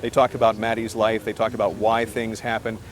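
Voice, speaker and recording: Standing in a residential neighborhood with a handheld broadcast mic, an American anchor delivers live breaking news. His lowish voice stays level and fairly quick, and the outdoor audio has some noise.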